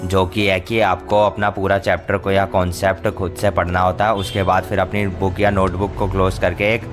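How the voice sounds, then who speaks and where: A man's voice: low voice, level tone, moderate pace. A young man narrating his study vlog casually, explaining each step in Hindi mixed with English words. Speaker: student vlogger. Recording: voice-over with clear background music.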